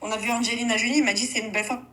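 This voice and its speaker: A woman's voice: on the high side, rapid-fire, low-quality recording. A woman calling into a live chat, animatedly retelling a personal story and acting out what others said. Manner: animated, mimics others' voices when quoting. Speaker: caller.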